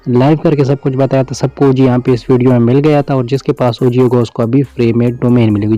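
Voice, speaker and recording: Fast-talking man with a dark, dull voice. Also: medium pitch, no room sound. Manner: fast, instructive, repeats filler phrases. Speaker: crypto YouTuber. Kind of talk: screen-recorded crypto tutorial. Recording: dull lo-fi audio with faint music.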